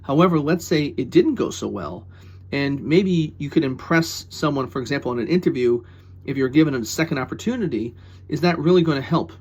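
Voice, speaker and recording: A man's voice: a little high, expressive, a little fast, a little mellow, breathy edge. A man teaching as a rabbi in an explanatory, questioning way, posing rhetorical questions and repeating points for emphasis. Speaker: rabbi teaching a Talmud lesson. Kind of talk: explanatory religious lesson.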